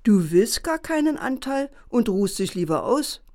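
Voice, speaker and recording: Sly storybook fox, male, pitched high and slow, wheedling and smug; read by a woman. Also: sing-song, darkish tone. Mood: sly, scheming. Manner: wheedling, feigned innocence.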